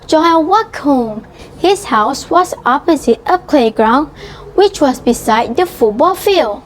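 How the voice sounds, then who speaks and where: A woman reading a scripted children's story, phrasing each sentence deliberately and carefully. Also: sits high. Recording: faint background noise.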